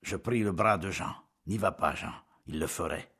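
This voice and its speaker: A stooped, sickly Corsican villager drags out his words in one flat, unhurried tone, placid even when recalling violence, voiced by a man reading a storybook. His voice sits low and sounds very husky and breathy. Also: exaggerated voice. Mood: flat, matter-of-fact. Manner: monotone, slow drawl.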